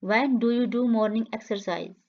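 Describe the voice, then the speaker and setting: Woman, lesson reader, high voice, each line said twice, slow and clear, dull lo-fi sound. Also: a little mellow. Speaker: English teacher. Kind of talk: slow repeated phrase reading for learners.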